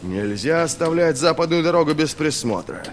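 A man voicing a sullen, sarcastic general in an audiobook, speaking slowly with grudging contempt. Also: fairly low pitch, big pitch swings, vocal fry, slight background noise. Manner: slow, quiet, grudging sarcasm.

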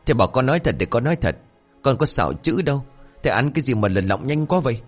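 Naive young disciple, as a male storyteller puts him on; whiny, blunt, talks high and fast. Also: expressive, soft background music. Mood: wailing. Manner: pleading, wailing, high and fast.

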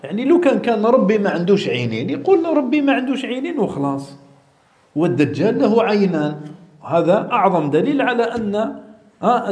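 A man's voice: fairly high pitch, darkish tone. A man with a Maghrebi Arabic accent giving a religious lesson on hadith, repeating key words and drawing them out, and asking his listeners questions. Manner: repeats key words, drawn-out emphasis, asks the audience questions. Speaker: Islamic teacher explaining hadith. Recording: echoey room.

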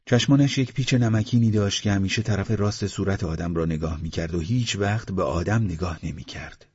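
Brief: male audiobook narrator, very deep and husky, measured reading, muffled sound. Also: darkish tone. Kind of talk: scripted narration. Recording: slightly muffled recording.

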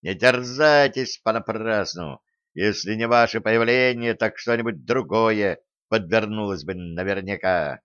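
A man's voice: on the low side, measured pace, a bit bright, no room sound, lo-fi sound. A boisterous, bantering army captain, as a man voices him. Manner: boisterous, bantering, old-fashioned courtly speech. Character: jovial brash male staff captain, middle-aged.

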